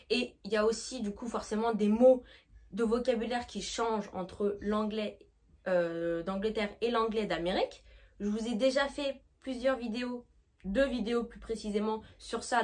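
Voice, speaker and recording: A young woman from France, an English teacher, explaining to camera and often checking in with her viewers. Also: a little high. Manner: lively, checks in often with "d'accord?".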